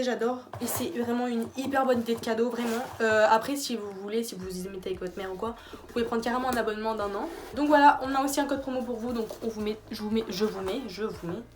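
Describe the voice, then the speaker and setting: Chatty fast-talking young woman vlogger. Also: a little high, a little hiss or hum. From France. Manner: chatty, rambling with many fillers and restarts. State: tired late at night. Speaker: YouTuber. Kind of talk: casual gift-idea vlog. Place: small bedroom.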